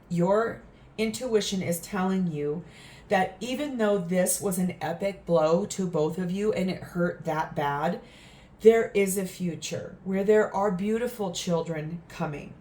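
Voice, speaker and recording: A woman giving a tarot reading in a gentle, earnest, reflective way, with frequent fillers. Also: medium pitch. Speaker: tarot reader.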